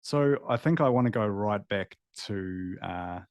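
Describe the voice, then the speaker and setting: A former veterinarian in his thirties with a New Zealand accent tells his story as an interview guest, candid and reflective, using filler words. His fairly low voice is animated, slightly mellow and unhurried, in studio-quality sound with no room noise.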